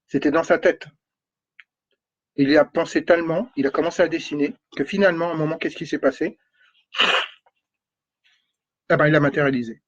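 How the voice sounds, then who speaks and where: Speaking quickly in a higher-pitched, fairly level voice, this man gives a spoken talk on spirituality and energy while his nose runs. He circles back on his words, reasons out loud, and keeps asking "d'accord?" to underline each point. The audio is dull and lo-fi.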